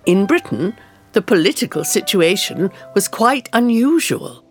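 With faint music behind her, a woman narrates a storybook for learners in the first person, playing an older, determined women's rights campaigner looking back on her life. She sounds earnest and sing-song, her pitch rising and falling expressively as she lays out each phrase clearly and unhurriedly.

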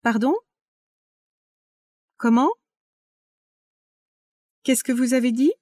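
Woman reading phrases slowly and clearly. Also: a little high, steady tone, a little mellow, no echo, studio quality.

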